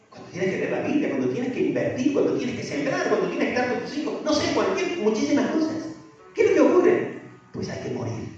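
A man preaching a sermon, asking the congregation rhetorical questions. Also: high-pitched. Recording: echoey, distant, dull church sound with faint music.

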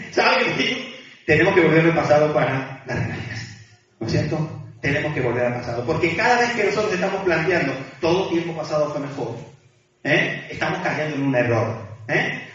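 High-voiced preacher in an echoey hall. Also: male voice, expressive, normal speed, fairly bright tone. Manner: chatty, checks in with tag questions and light laughs. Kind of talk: conversational sermon. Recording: echoey hall from far off, dull sound.

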